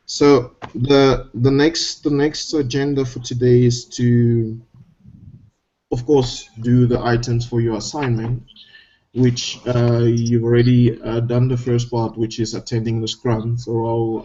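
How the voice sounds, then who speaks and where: A man from Cameroon hosting a casual online scrum meeting, relaxed and hesitant, with many fillers and restarts. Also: mid-range voice. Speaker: scrum host. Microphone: video call. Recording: muffled call audio.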